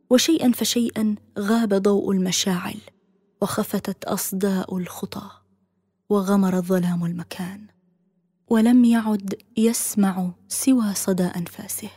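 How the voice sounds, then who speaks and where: A woman narrating a dramatic audiobook story in a solemn, often hushed voice. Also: mid-range voice, slightly rough, dry recording, studio quality.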